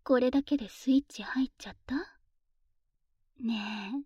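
A woman voicing a playful, teasing young lover in an intimate audio drama, whispering softly close to the microphone. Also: fairly high pitch, moderate pace, husky, dry recording, dull audio. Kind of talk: intimate whispered ASMR roleplay.

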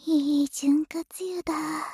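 A woman voicing a teasing young wife who uses magic, speaking in a soft, close whisper in an ASMR roleplay. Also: high-pitched, fairly even intonation, moderate pace, dry recording, close to an everyday voice.

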